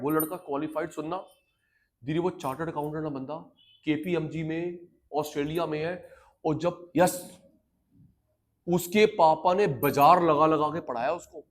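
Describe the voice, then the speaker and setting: A man teaching a classroom lecture, his voice sitting fairly high for a man. He talks straight to his students in an animated way, drops low and quiet for stories, then rises loud for key points. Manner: animated, addresses students directly, swings from quiet storytelling to loud emphasis.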